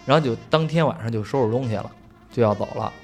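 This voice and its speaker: A man's voice: medium pitch, fast talker, soft background music. A man telling a story in casual chat, swearing freely and laughing along.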